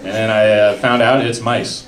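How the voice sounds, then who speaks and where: A young man doing a stand-up comedy set with a deadpan, mumbling delivery. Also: fairly low pitch, moderate pace. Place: comedy club stage with a live audience. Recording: echoey room with background noise.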